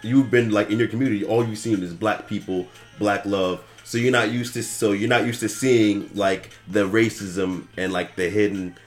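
A man's voice: fairly low pitch, fairly even intonation, moderate pace, hardly any pauses, faint music behind. A man from the United States, co-hosting a podcast in casual chat, who rambles and restarts as he works through his thoughts. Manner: rambling, restarts often, reflective. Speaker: podcast co-host.

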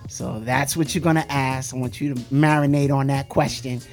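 A man's voice: mid-range voice, fairly even intonation, moderate pace, darkish tone, faint music behind. A man hosting a radio interview, casually probing his guest with follow-up questions. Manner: casual, probing, pushes for answers. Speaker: radio show host.

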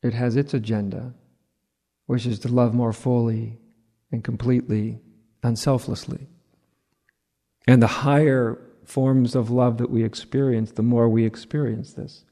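A man teaching on a spiritual theme in a relaxed, conversational way. He drops in "right?" asides and light laughs at a mid pitch. His voice carries a long reverb, as in a hall. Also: unhurried. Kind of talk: spiritual talk.

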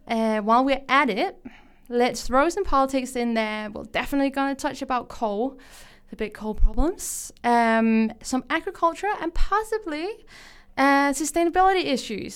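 Chatting enthusiastically on her casual podcast, this young woman from Denmark speaks in a smooth, fairly high voice with a Danish accent, dropping in plenty of fillers.

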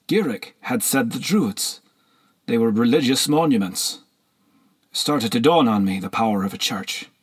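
A man giving scripted first-person narration of a historical story, measured and even. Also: on the low side, breathy edge. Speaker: audiobook narrator.

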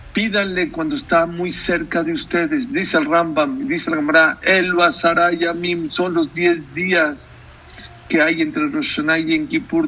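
Male rabbi, sermon; bright, somewhat high, slightly husky voice. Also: far from the mic, highs cut off. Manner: storytelling, asks the audience questions.

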